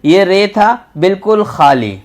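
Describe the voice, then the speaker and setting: Man, Urdu teacher, Indian Urdu accent, slightly high voice, patient, repeats letter names. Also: very animated, slow. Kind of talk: textbook lesson for young children.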